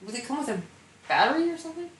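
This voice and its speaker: A woman guest on a podcast, chatting casually with teasing, deadpan jokes. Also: high voice, very fast, reverberant, far from the mic, poor audio. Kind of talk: casual chat.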